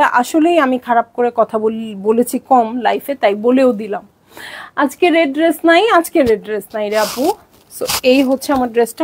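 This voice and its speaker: A young Bangladeshi woman selling dresses on a live stream, chatty and bubbly, often slipping in English words. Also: high voice. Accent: Bangladeshi Bengali. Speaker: online clothing seller.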